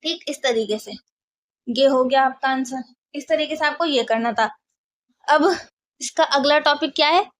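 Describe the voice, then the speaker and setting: A woman's voice: high voice, unhurried, long pauses. A woman teaching a maths lesson, explaining step by step and often asking if the class follows.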